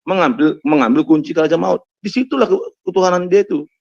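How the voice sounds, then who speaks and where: A man's voice: high voice, fast, vocal fry. Patient explaining man, dull lo-fi sound. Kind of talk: explaining in debate. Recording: dull lo-fi audio.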